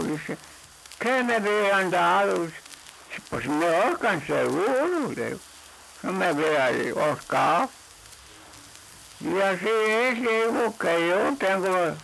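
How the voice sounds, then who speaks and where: A man's voice: fairly high pitch, vocal fry, fairly bright tone, a little hiss or hum, low-quality recording. A man telling a long story in a casual, rambling way, breaking it up constantly with little 'he says, I tell him' asides.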